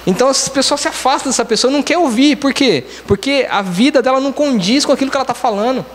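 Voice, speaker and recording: High-voiced Brazilian preacher in a reverberant church. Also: male voice, fast. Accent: Brazilian Portuguese. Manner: plain teaching tone, explains step by step, keeps repeating "então, assim". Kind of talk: conversational sermon. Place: church hall. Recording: church hall with long reverb.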